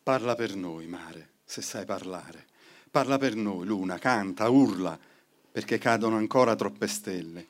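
A man's voice: fairly low pitch, unhurried. A man reciting a poem at a live event with an incantatory, repeated refrain. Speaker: poetry reader. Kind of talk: poetry recitation with chorus. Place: event hall.

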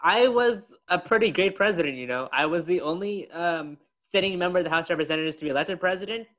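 A boastful, self-satisfied ghost of a dead president holds court in a comedy podcast skit, as a young man puts him on. The voice is bright and a little high. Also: quick pace. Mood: smug. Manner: smug, boastful.

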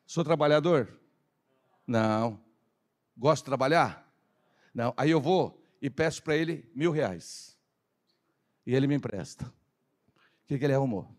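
A man preaching a lively sermon in church, firing rhetorical questions and calling for responses. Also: fairly high pitch. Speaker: pastor. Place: church service.

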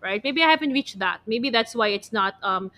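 Chatting about pop music as a podcast co-host, this young woman from the Philippines rambles along, dropping "like" constantly. She speaks at a moderate pace with a fairly high, sharp voice and lively intonation.

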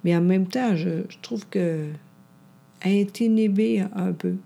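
Hesitant woman with a gravelly voice. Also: medium pitch, measured pace, mellow. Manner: hesitant, searches for words. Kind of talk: casual chat.

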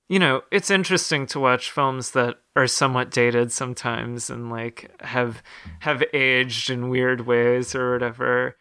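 Podcast co-host, male, bright and forceful tone, dry close sound, rambling casual delivery. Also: medium pitch, clear, resonant tone, dry recording. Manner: chatty, frequent fillers and restarts. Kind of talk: casual film discussion.

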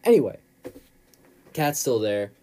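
A man's voice: medium pitch, big pitch swings, measured pace, dark tone. A male podcast host giving a casual, rambling recap of a chapter in informal, slangy storytelling.

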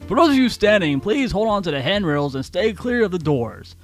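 A formal male transit announcer, as a podcast host puts him on, delivering slow, measured announcements. Faint guitar music plays under the voice. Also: high-pitched, sing-song, voice pushed up.

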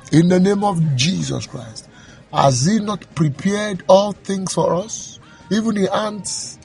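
A man leading fervent prayer, declaring and commanding in rhythmic, repeated phrases. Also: high voice. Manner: rhythmic repetition, commanding, emphatic.

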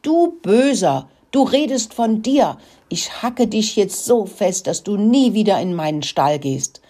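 A woman voicing a furious mother hen who scolds wildly in a shrill, clucking manner. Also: animated, unhurried, dark tone. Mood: scolding. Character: furious mother hen defending her nest.

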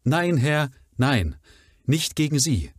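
A man's voice: medium pitch, lively intonation, unhurried, darkish tone, slightly rough, no room sound, studio quality, voice pushed up. A man reading aloud, voicing a frightened woman, a servant's wife, who desperately confesses and takes the blame.

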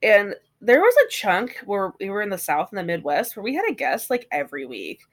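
A sick woman with a hoarse smoker's rasp, chatting casually and self-deprecatingly as a podcast co-host. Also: mid-range voice, sing-song, fairly quick. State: sick with a cough. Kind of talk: casual chat.

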